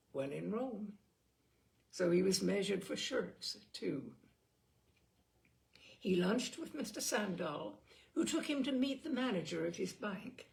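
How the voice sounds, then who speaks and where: A woman audiobook reader narrates a novel in a voice of middling pitch with noticeable creak. Her reading is scripted and expressive, like an audiobook storyteller's, with a small stumble here and there.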